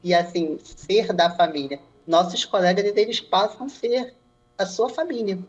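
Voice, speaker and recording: A woman's voice: medium pitch, measured pace. A woman with a Brazilian Portuguese accent, a stevedore telling her experiences in a casual podcast interview and acting out the remarks she quotes. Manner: animated storyteller who acts out quoted remarks. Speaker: stevedore guest. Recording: slightly dull lo-fi sound.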